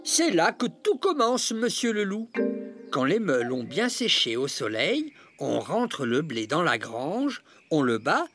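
Jolly farmer for a storybook, patient explainer, bouncy voice, soft music behind, as the reader puts him on. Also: measured pace. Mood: teasing. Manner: lively, explaining with raised pitch. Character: cheerful, patient adult farmer, man. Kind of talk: storybook reading.

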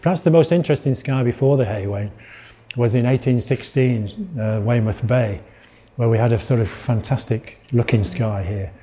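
A man's voice: medium pitch, normal speed, warm tone, slightly rough. A middle-aged man with a Yorkshire accent giving an illustrated lecture, rambling with restarts and asides.

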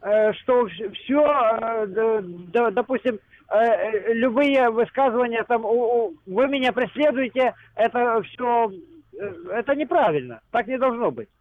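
A man calling a radio show over a phone line, halting and stammering over his words. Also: very high-pitched, animated. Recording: tinny narrow phone line.

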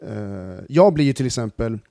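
A man hosts a relaxed conversation, circling around his questions with restarts. His voice is warm and mellow, and the recording is dry and close. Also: medium pitch, vocal fry, dry recording. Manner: hesitant questions, many fillers and restarts. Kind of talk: casual chat.

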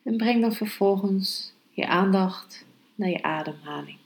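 A woman speaks as a yoga podcast host and meditation guide. Her delivery is calm, instructional and markedly slow, with unhurried pauses. Her voice sits at an average pitch for a woman. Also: gravelly, low-quality recording.

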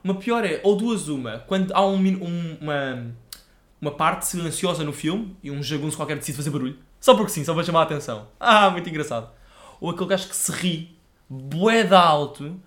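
A young man, telling stories in an animated, slangy way as a casual podcast co-host. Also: fairly high pitch, fast talker. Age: young adult. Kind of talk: casual chat, storytelling.

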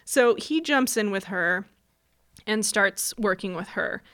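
Woman co-host, casual storyteller, chatty and quick to laugh. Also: mid-range voice, animated, fairly bright tone. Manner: chatty storyteller, laughs often, acts out quotes. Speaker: podcast co-host telling the story. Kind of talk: casual history podcast chat.

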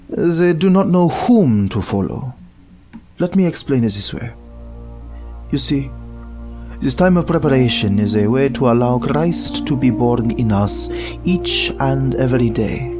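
Male actor as kindly old religious elder, calm gentle wise manner, slow earnest delivery, audio drama, music underneath. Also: mid-range voice, lightly acted.

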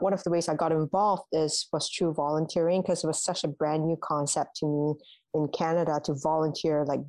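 A young woman from Malaysia, a university alumna answering interview questions in a measured, thoughtful way, with ums and restarts. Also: low-pitched, darkish tone, dry recording, low-quality recording. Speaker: guest, alumna.

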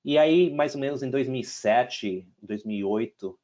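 With a medium-pitched, slightly mellow voice at normal speed, a middle-aged American investor chats in Portuguese during a casual interview. He tells his career story with numerous fillers and restarts, slipping in English words along the way. His American English accent carries some Brazilian and European Portuguese.

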